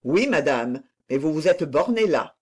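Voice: medium pitch, expressive, measured pace, breathy edge. A reader voicing a nobleman torn by love, speaking in a breathless, exclamatory way. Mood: overwhelmed.

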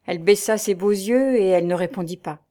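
A woman reads a classic novel aloud as an audiobook narrator. Her reading is measured and clear. It has an even literary flow. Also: medium pitch.

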